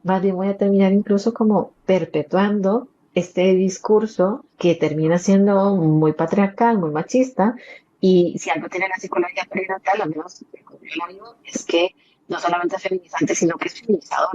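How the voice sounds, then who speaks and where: A woman's voice: mid-range voice, steady tone, normal speed, dark tone. A woman with a Costa Rican accent, a perinatal psychologist explaining earnestly as a guest in a podcast interview. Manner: explanatory, earnest, uses many fillers. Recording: dull lo-fi audio.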